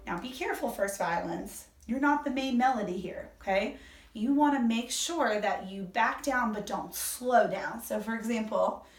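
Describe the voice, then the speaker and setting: Slightly high and at a moderate pace, the woman's voice guides a violin lesson as an orchestra teacher, explaining each step and counting beats. The room echoes, the mic sits at a distance, and violin playing is heard.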